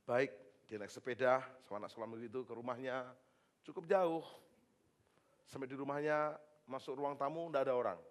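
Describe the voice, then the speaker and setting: A male pastor with an Indonesian accent preaching a sermon in a church service, swinging between loud exhortation and quiet storytelling. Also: medium pitch, a little fast, pauses often.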